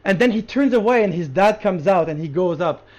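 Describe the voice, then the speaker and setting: A podcast co-host reviewing a show in casual chat, excited and quick, with many restarts. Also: medium pitch. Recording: lo-fi podcast audio.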